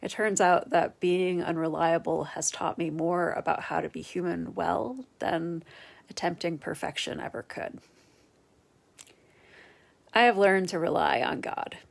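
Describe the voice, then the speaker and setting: A woman priest in her thirties speaks with candid earnestness. Her voice sits low and carries a gravelly edge. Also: measured pace. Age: 30s. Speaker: Episcopal priest. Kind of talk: personal reflective talk.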